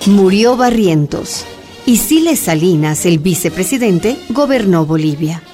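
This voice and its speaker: With music playing under her voice, a woman delivers scripted radio-drama narration about a miner woman's history in a measured, narrating mood. Her voice is lowish, animated, a little slow, and dark in tone.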